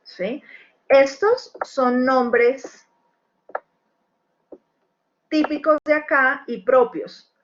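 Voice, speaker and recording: A woman's voice: high-pitched, drawn-out words, pauses often. A woman teaching a beginner English lesson, explaining step by step and checking in with the class after each point. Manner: patient, checks understanding with tag questions. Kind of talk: recorded screen-share lesson. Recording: dull lo-fi with faint noise.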